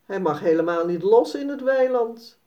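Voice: medium pitch, expressive, normal speed, dark tone, close to an everyday voice. A woman voicing a friendly farmer who apologises and makes promises to two children, in a storybook reading, with a kindly, reassuring manner. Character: friendly farmer, grown man, good-natured. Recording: dull, slightly distant recording.

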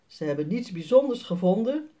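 A woman reading a children's story aloud, slowly and clearly. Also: medium pitch, sing-song, mellow.

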